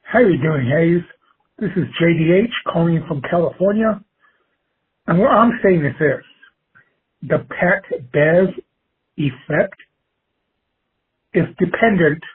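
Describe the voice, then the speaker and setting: A man leaving a voicemail played over a phone line, giving his opinion as a caller in a measured, halting way with pauses between phrases. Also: on the high side, breathy edge.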